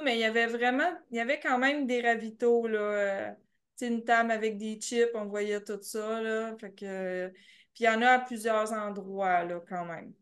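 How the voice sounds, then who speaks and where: A young adult woman with a Québécois French accent, telling race stories as a podcast guest, laughing often. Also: fairly high pitch. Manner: animated storytelling, laughs often, many fillers. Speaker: podcast guest, ultra trail runner. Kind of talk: casual interview chat.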